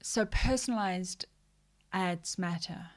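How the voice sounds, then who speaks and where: A woman with a rather low voice hosts a social media news livestream at a slow pace. She's casual, drifts into joking rants, and mutters quiet asides to herself while searching for things on screen.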